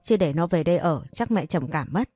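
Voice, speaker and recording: A woman's voice: low voice, lively intonation, fairly quick, mellow, slightly rough, no echo. A woman voicing a fretful older mother who dotes on her son, in an audio story. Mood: pleased.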